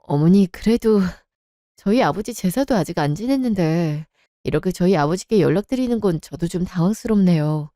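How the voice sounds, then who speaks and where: A woman's voice: fairly low pitch, lively intonation, normal speed, dark tone, no room sound, studio quality, natural voice. A woman voicing a polite, patient young wife in a radio drama, placating and courteous.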